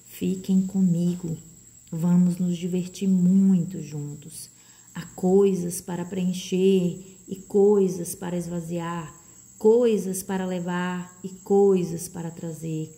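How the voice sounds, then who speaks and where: A woman voicing a sly, honey-voiced faceless man. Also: sits high. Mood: coaxing. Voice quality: soft, wheedling whisper. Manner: slow, honeyed persuasion. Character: sly faceless man, soft scheming coaxer.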